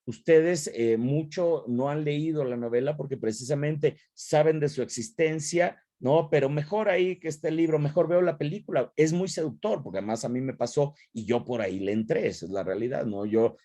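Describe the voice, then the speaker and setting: A man's voice: a little high, normal speed, few pauses, warm tone, no echo, studio quality. A man giving an online lecture, talking in a loose spoken style with many tag questions and restarts. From Mexico. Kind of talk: online talk with Q&A.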